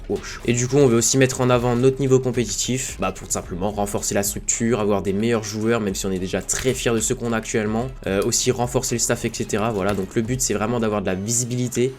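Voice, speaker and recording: A man's voice: medium pitch, darkish tone. A young man casually commenting while he plays a video game, rambling with lots of fillers and gamer slang as an esports team's content creator.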